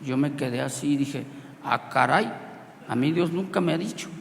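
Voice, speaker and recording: A Mexican preacher tells a story from the pulpit, his gravelly voice jumping between shouted lines and hushed, chuckling asides. His words ring out in a big hall with a long tail of reverb. A faint hiss sits under the recording. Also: fairly high pitch, normal speed. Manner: animated, swings from loud outbursts to quiet asides, laughs often. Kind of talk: storytelling sermon.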